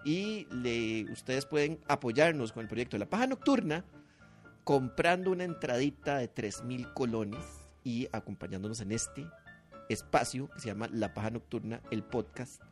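Animated Costa Rican co-host man. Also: mid-range voice, moderate pace, soft background music. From Costa Rica. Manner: animated, chatty. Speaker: podcast co-host. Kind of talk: comedic casual chat.

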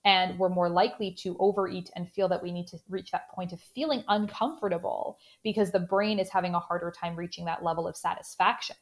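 A woman's voice: fairly low pitch, steady tone, a little fast, hardly any pauses. A woman with a Canadian accent, a sports dietitian guest on a podcast interview, explaining steadily with frequent "you know" fillers.

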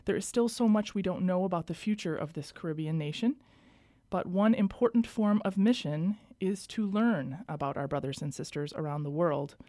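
A woman hosting a radio program in a studio, giving a gentle, gracious introduction and interviewing her guest. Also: on the low side, normal speed, no echo. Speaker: radio host.

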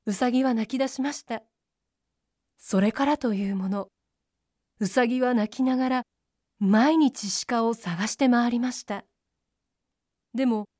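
High-voiced woman reading children's tales. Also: no echo, clean studio sound. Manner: gentle, clear read-aloud delivery. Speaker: storyteller. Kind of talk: children's storybook narration.

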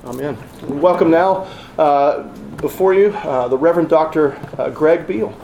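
Higher-voiced man leading prayer, echoey room. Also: moderate pace, dull audio. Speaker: church host opening in prayer. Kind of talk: public prayer and introduction. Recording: echoey room, faint background noise.

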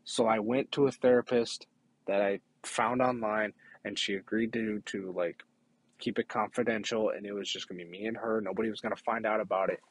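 A young man giving a halting, earnest personal testimony, often restarting his sentences. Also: on the low side, fairly even intonation, breathy edge.

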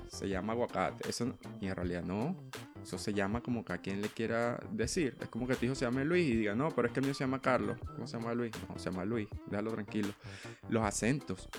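Chatty Venezuelan man, lowish voice. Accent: Venezuelan Spanish. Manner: chatty, rambling with many fillers and restarts. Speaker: podcast host. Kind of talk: casual monologue.

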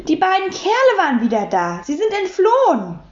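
A woman voicing an agitated, stammering middle-aged man who shouts in a high, strained voice. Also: huge pitch swings, moderate pace, reverberant, muffled recording, heavily acted. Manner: shrill and shouting.

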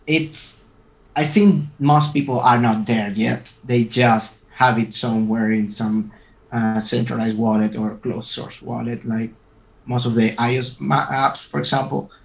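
A man, a podcast guest talking casually with halting fillers and restarts. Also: mid-range voice, steady tone, creaky. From Venezuela. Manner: halting, many fillers and restarts, laughs often. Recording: roomy, dull lo-fi sound.

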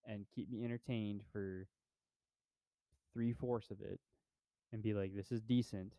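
Rambling through a casual movie review with plenty of filler words, this young podcast co-host sounds relaxed. He speaks a little slowly in a lowish, steady voice. The dry recording has no room sound, and the highs are cut off.

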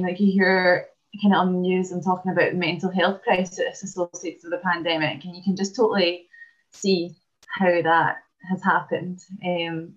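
Scottish woman, chatty, slightly low voice. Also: dull audio. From Scotland. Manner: chatty, frequent "um" pauses. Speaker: interviewee, basketball player and dentist. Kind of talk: casual interview.

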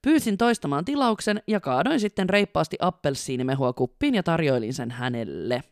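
A woman co-hosting a casual podcast as a flight attendant, excitable, laughing and swearing casually, reading listener stories aloud. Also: deep voice, no echo, clean studio sound.

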